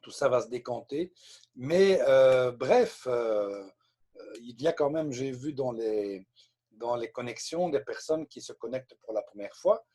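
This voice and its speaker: A Belgian man about to turn sixty, hosting a live webinar as a sales trainer and talking off the cuff with many pauses and hesitations. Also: mid-range voice, animated, warm tone. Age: 50s. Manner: unscripted and rambling, with frequent hesitations. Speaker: webinar host and network marketing trainer.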